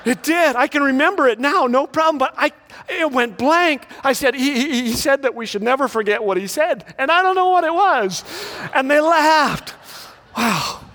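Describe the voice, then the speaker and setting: High-voiced man, echoey hall. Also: expressive, moderate pace, sharp tone. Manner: storytelling with comic timing. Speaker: graduation speaker. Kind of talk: humorous inspirational speech.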